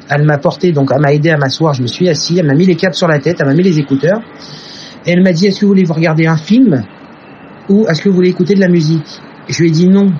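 A man's voice: on the high side, darkish tone, dull audio, slight background noise. A man telling an emotional personal story in an earnest way. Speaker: testimony teller. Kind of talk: personal testimony.

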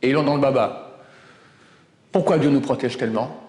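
A man's voice: medium pitch, moderate pace. Emphatic man preaching in an echoey hall. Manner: emphatic, swings between loud exclamations and hushed asides. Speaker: rabbi teaching Torah. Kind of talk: sermon.

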